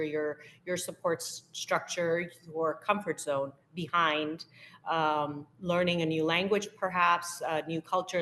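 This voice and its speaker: A woman's voice: low-pitched, fairly bright tone. A woman guest on a podcast interview, an impact investor who speaks earnestly and emphatically, often posing rhetorical questions. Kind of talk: conversational interview.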